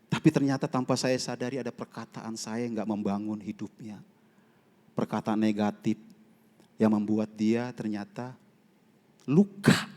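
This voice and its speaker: A man preaching a sermon in a church, swinging from loud emphatic lines to hushed personal storytelling. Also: on the low side, steady tone, a little slow, pauses often. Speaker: evangelist preaching. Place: church sanctuary. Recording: long reverb of a church hall.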